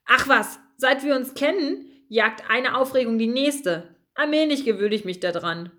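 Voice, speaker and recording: A woman's voice: high voice, lively intonation, measured pace, fairly bright tone. A woman voicing a timid young male mouse who speaks in an earnest, relieved way.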